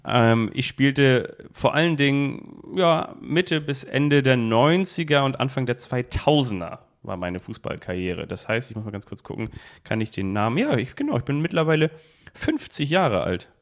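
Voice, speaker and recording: A man's voice: mid-range voice, very animated, moderate pace. A man hosting a football podcast, posing quiz riddles in the first person as if he were each player, recorded on a phone held close to a device. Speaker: podcast host. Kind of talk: casual football quiz chat.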